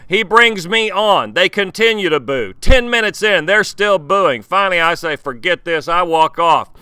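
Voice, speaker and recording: Male speaker, blunt punchy anecdote, crisp and very bright tone, dead-dry recording. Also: high-pitched, expressive, moderate pace, no room sound. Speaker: professional speaker. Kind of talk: anecdote told to camera.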